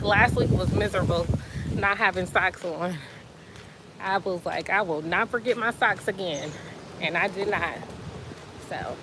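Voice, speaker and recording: A woman's voice: mid-range voice, heavy background noise. Breathless chatty woman vlogging outdoors. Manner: chatty, animated, says y'all. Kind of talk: casual vlog chat. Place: outdoors walking to the beach. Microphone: phone camera.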